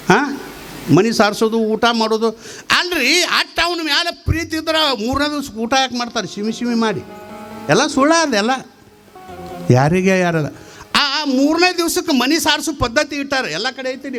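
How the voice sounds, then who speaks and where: A man with a North Karnataka Kannada accent giving a humorous spiritual discourse, telling stories and firing rhetorical questions. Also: extremely high pitch. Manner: animated storytelling with rhetorical questions. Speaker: spiritual teacher.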